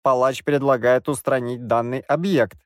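A man voicing a cold male killer cyborg in a slow, flat, half-robotic monotone, with formal machine phrasing. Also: mid-range voice, clean tone, no echo, studio quality. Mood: flat menace. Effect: flat half-robotic monotone delivery. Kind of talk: audiobook reading.

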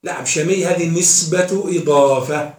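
A man's voice: on the high side, moderate pace, a little mellow. Sheikh quizzing his class in an echoey room. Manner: quizzes students, asks questions and answers them himself. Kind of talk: classroom explanation with questions to students. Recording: echoey room, mic far off.

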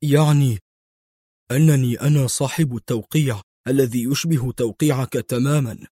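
A man's voice: mid-range voice, fairly even intonation, normal speed, warm tone, dry recording, clean studio sound, close to an everyday voice. A man reading a sheepish forger. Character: forger agent, cheeky hungry man.

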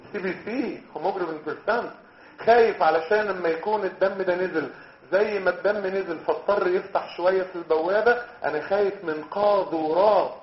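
A man with an Egyptian accent lecturing on medicine, quizzing his students and dropping in English terms. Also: sits high. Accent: Egyptian Arabic. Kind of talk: lively lecture with role-play. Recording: roomy, dull lecture recording.

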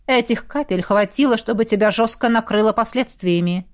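A woman's voice: fairly high pitch, normal speed, lightly acted. A woman voicing a stern female academy rector who lectures her students in a cutting, reproachful manner.

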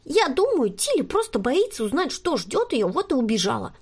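Woman voicing a shrill, eager little girl. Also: very animated, moderate pace. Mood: excited. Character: excitable little girl who adores her grandmother.

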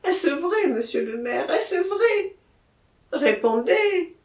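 A woman's voice: extremely high pitch, big pitch swings, slow, a little mellow, roomy sound, pitched above the performer's own voice, exaggerated voice. A woman voicing a terrified male murderer, pleading and near tears, in an audiobook. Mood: insistent.

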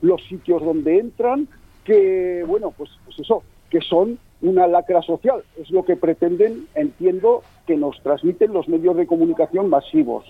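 A man's voice: high-pitched, sing-song, normal speed, creaky, husky, no room sound. A man calling in to a radio talk show over the phone from a bar terrace, speaking politely and hesitantly. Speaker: radio caller. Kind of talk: call-in comment on talk radio. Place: bar terrace outdoors in a village. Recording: tinny muffled phone line.

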